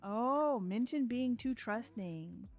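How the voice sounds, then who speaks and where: A woman's voice: on the high side, expressive, slow, darkish tone, faint music behind. A young woman, chatting casually while she plays a life-simulation game and laughs often. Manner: chatty, laughs often, voices characters in asides. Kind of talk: casual let's-play commentary.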